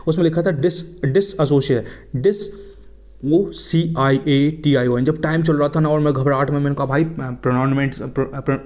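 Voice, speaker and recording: A man's voice: fairly high pitch, a little mellow. A man teaching English in a casual video lesson, talking in a chatty way to his viewers as friends and mixing in English phrases with an Indian English accent.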